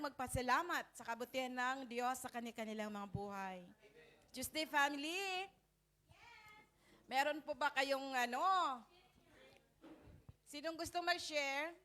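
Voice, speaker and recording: A woman's voice: high-pitched, a little slow, sharp tone. A woman hosting a church prayer meeting, encouraging people to come up and share. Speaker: service host.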